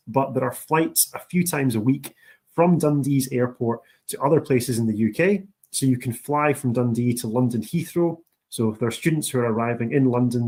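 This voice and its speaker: Husky man with broad Scottish accent. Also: medium pitch, darkish tone. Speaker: university international officer and presenter. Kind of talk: scripted-style training presentation.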